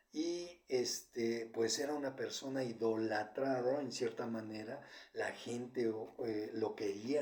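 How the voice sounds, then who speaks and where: A man giving a Bible study sermon, talking haltingly with many fillers and repeated words. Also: mid-range voice, mellow. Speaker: Bible teacher. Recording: roomy echo.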